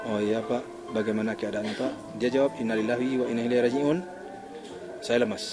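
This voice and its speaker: An older man, a grieving father, recounting in an interview in a halting way with many pauses and fillers. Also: medium pitch, steady tone. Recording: music bed under the voice.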